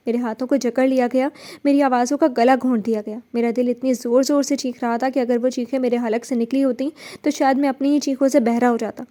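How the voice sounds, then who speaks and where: A woman's voice: sits high, fairly even intonation, warm tone, lightly acted. A woman reading a story aloud, voicing a young man full of grief and remorse over his murdered parents. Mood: anguished. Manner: anguished, pleading.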